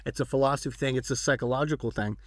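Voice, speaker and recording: A man's voice: mid-range voice, steady tone, racing, dry recording, clean studio sound. A man hosting a podcast, chatting casually and rambling with fillers and restarts. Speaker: podcast host. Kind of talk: casual chat.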